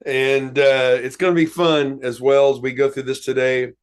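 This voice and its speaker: A man's voice: medium pitch, little pitch movement, normal speed, clear, resonant tone. A man co-hosting a casual talk show, telling stories in a rambling, folksy way with many fillers. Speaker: co-host. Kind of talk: casual podcast chat.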